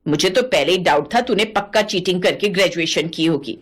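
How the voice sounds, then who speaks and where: A woman's voice: fairly low pitch, brisk, a bit bright, voice pushed down. A woman playing Ramola, scornful old mother-in-law. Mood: mocking. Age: 60s (figure). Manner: scolding, mocking. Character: bossy elderly widowed mother-in-law, sharp-tongued. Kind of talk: cartoon voice acting.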